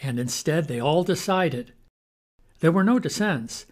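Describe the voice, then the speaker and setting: A presenter with a medium-pitched voice delivers scripted narration like a closing argument to a jury. The delivery is rhetorical and emphatic, leaning on pointed questions. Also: animated, unhurried.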